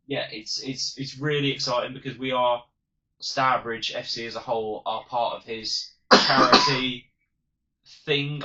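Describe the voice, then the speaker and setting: An enthusiastic man with a bright, forceful voice chats casually as a podcast co-host. He keeps an agreeable tone, and the recording sounds dull and lo-fi. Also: on the low side. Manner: agreeable, enthusiastic, quick short replies. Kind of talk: casual fan podcast chat.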